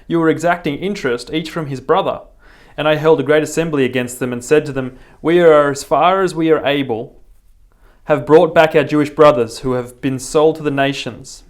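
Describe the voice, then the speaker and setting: A man co-hosting a Bible study chat, reading a scripture passage aloud in a steady, measured way. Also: a little high. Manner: brief affirming backchannels, then steady reading.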